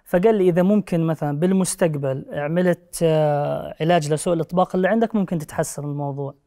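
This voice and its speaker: A young man with a slightly high voice speaks Levantine Arabic at a very fast pace. He has a speech impediment on his r sounds and talks as an interview guest. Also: warm tone. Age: young adult. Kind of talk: personal interview. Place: TV studio. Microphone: lapel.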